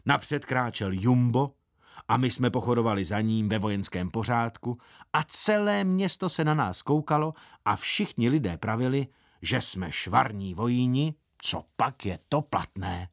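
A man reading a children's story aloud in a lively, playful way. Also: medium pitch, dry recording, clean studio sound. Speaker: audiobook reader. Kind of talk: expressive storybook narration.

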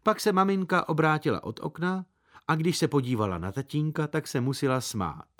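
A man reading a story aloud as narrator, in lively, measured storytelling. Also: fairly high pitch. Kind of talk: scripted narration.

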